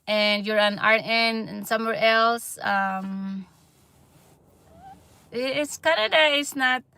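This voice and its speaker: A Filipino woman in her thirties, with a Filipino accent, chats casually on a livestream as a vlogger, halting with many fillers and restarts and laughing often. Her fairly high voice has vocal fry and a bright, forceful, clear, resonant tone, with no echo.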